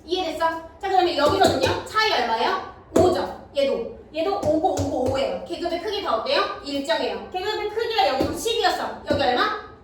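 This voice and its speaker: A woman with a high voice teaches middle school math to a class, pausing again and again to ask if the students understand. Her voice rings in a very echoey classroom. The mic sits some distance away, with a faint noise underneath. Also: animated. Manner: checks understanding with quick questions to students. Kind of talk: classroom lecture.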